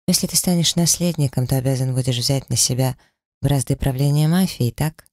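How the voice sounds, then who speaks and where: A man's voice: medium pitch, brisk, darkish tone, no echo, close to an everyday voice. Guy doing an earnest young student girl in an audiobook, talking it through, dry close sound. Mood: thoughtful. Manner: earnest, reasoning aloud. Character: modest young woman student, earnest and clever. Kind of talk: audiobook character reading.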